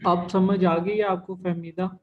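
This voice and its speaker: A man's voice: sits high, level tone, a little slow, lo-fi sound. A man teaching a language lesson, explaining each step patiently with frequent fillers.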